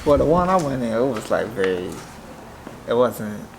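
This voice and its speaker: A man's voice: mid-range voice, sing-song, moderate pace, gravelly, rough recording. A man vlogging in casual, slangy, joking talk. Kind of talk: casual vlog chat. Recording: loud crowd chatter around him.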